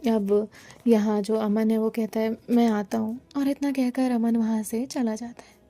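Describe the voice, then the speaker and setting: A woman's voice: a little high, flat delivery, measured pace, warm tone. A woman storyteller narrating a story dramatically, dropping to a whisper in tense parts.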